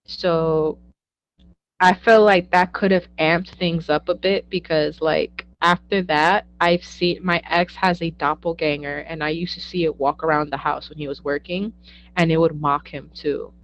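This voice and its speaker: A woman's voice: sits low, measured pace, lo-fi sound. A young woman, a psychic medium guest, telling stories in a casual interview and acting out the quoted dialogue. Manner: animated, acts out quoted dialogue, laughs often.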